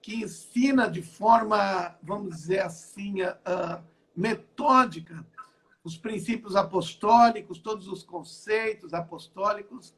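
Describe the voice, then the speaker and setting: Speaking a little slowly in a high, slightly bright voice, this older Brazilian man is an apostle and pastor from the country's south. He tells his testimony in an online interview at home, stacking and restarting phrases repetitively.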